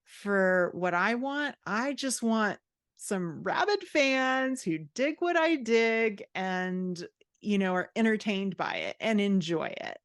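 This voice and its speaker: With a medium-pitched voice that is clear and resonant, this woman speaks slowly but with lively intonation. She's a fantasy author and writing coach guesting on a podcast, chatting informally and expressively about her views. The studio sound is clean, with no room sound.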